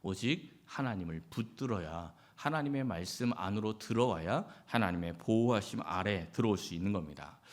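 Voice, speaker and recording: A male pastor preaching a Sunday sermon to his church. He asks the congregation questions and answers them himself, and he acts out quoted lines with sudden rises in pitch and loudness. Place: church sanctuary.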